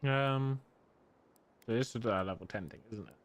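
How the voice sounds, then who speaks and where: A man's voice: medium pitch, normal speed. Man muttering over gameplay. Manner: muttering, reads game text aloud. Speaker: gaming video host. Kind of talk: casual gameplay commentary.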